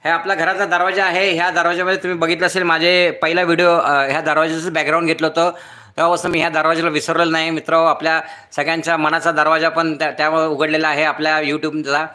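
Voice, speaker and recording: Middle-aged man, live-stream host, high voice, chatty, greets viewers one by one, roomy echo at home. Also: little pitch movement, fast talker. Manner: chatty, greets viewers by name, thanks them warmly. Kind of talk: casual live-stream chat, reading viewer comments. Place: home room beside his front door.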